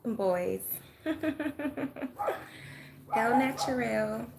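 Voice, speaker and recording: An older woman from Atlanta, Georgia, with a Southern accent hosts a phone livestream from a sunlit room at home, chatting folksily and talkatively with viewers. Her voice is fairly high-pitched and creaky, she speaks extremely slowly, sometimes dropping to a murmur, and there's heavy background noise.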